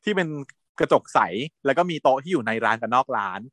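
A man's voice: mid-range voice, quick pace, no echo. Laughing man recapping a series. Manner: animated storytelling, laughs often, acts out quotes. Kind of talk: casual chat recapping a series.

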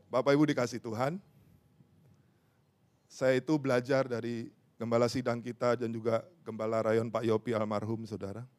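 A man's voice: mid-range voice, level tone, moderate pace, long pauses, darkish tone. A man preaching a sermon to a congregation, often asking for amens and applause and acting out everyday conversations. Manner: acts out everyday dialogue to make a point.

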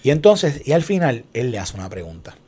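A man's voice: mid-range voice, sing-song, fairly quick, dark tone, breathy edge. A man co-hosting a radio show, chatting about politics and acting out quoted people as he tells a story. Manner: storytelling, acts out quoted voices. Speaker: radio co-host. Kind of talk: casual political chat.

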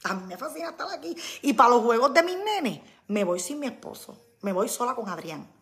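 A woman's voice: fairly high pitch, a little fast. A woman, hosting a casual live talk and acting out what friends say to her. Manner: animated, acts out quoted friends. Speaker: podcast host.

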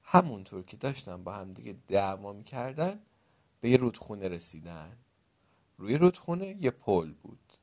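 A man's voice: on the low side, very animated, a little mellow. Man telling a folk tale. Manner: explains words and quizzes the listener. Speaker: storyteller. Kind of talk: storytelling.

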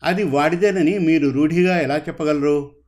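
A man's voice: fairly high pitch, moderate pace, a little mellow, lightly acted. A man voicing an anxious, tearful mother who questions her husband in a told story. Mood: pleading. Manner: pleading, questioning.

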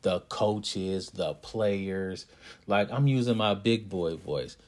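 A man who hosts a podcast and coaches youth basketball, telling a story in a casual, animated way and speaking straight to his listeners. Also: fairly low pitch, slow pace. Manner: animated, talks to listeners directly.

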